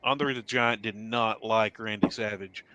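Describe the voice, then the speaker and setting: A man's voice: on the low side, fairly even intonation, a little slow, heavy background noise. A man co-hosting a podcast in casual chat, telling anecdotes and laughing often. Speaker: podcast co-host.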